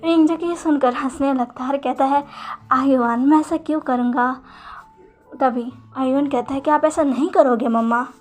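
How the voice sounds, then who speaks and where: Young female storyteller, high pitch, casual halting read-aloud of fan fiction. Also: steady tone, darkish tone, faint music behind. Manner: informal, halting read-aloud with frequent restarts.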